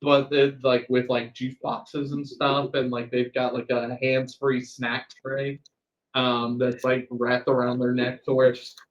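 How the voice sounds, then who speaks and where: Slow, rambling man running a tabletop game. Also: medium pitch, little pitch movement, muffled recording. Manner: rambling, full of fillers and chuckles. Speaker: game master.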